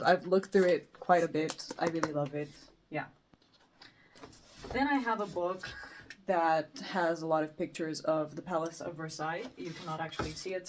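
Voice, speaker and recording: A woman's voice: lowish voice, slight background noise. A young woman from Romania in a casual, rambling chat, self-deprecating and full of fillers. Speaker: book vlogger. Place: bedroom.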